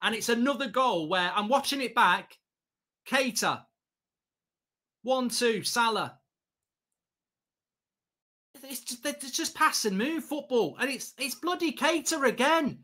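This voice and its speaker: A man's voice: very high-pitched, animated, takes it slowly, pauses often, sharp tone. A man, reacting live to a football match as a watchalong host, exasperated, emphatic, repetitive and sweary. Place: small indoor studio set at a desk.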